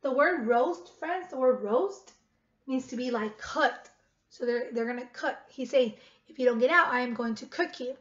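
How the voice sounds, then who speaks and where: A thirty-something woman teaches young children by reading aloud and repeating questions over a webcam from her home. She speaks at a normal speed in a high, slightly bright voice. Recorded indoors in her living room at arm's length, the webcam sound is dull and clearly noisy.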